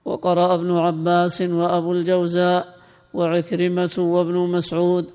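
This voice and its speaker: A man reading a classical text aloud to his teacher in a steady, lilting recitation. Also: high voice, normal speed, clear, resonant tone, big-room sound.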